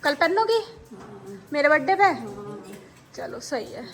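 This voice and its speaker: A woman's voice: sits high, expressive, a little slow. A woman in her late forties chatting casually through a family home vlog, scolding and teasing a child as she goes. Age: 40s. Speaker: family vlogger.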